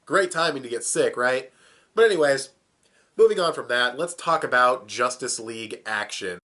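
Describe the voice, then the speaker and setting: A sick young man, nose clearly blocked, gives a relaxed cartoon review full of swearing and chuckles. His mid-range voice is expressive and bright with a pushed quality, at an ordinary pace.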